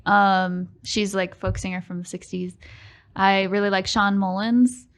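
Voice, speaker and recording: A woman in her twenties, a singer-songwriter guest, answering casually with hesitant pauses and fillers. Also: medium pitch, little pitch movement. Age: 20s. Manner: hesitant, laughs often, many fillers. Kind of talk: casual interview chat.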